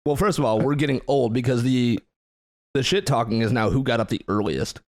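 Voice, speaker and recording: A man's voice: mid-range voice, fairly quick, no echo, clean studio sound. An American man co-hosting a podcast in casual banter, blunt and teasing, swearing freely. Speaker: podcast co-host.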